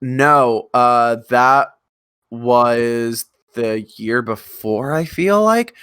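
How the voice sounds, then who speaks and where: A man's voice: mid-range voice, extremely slow, fairly bright tone, clear, resonant tone, no echo. A man co-hosting a loose music podcast, rambling eagerly and swearing now and then. His voice sits in an ordinary middle range. The sound is dry and close, with no room around it. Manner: enthusiastic, rambling, swears casually. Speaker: podcast co-host. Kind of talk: casual chat.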